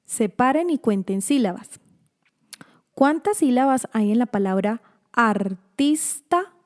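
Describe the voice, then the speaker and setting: A woman giving a scripted instructional narration for parents and teachers, slowly stretching out the example words. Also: on the high side, animated, a little mellow.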